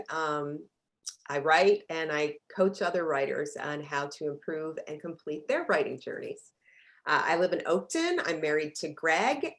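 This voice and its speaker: A woman, an author and writing coach, introducing herself on a panel in a brisk, list-like way. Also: sits low, fairly bright tone.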